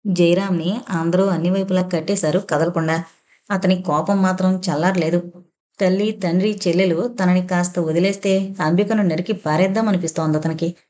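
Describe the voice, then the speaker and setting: Low-voiced woman narrating a novel. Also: mellow.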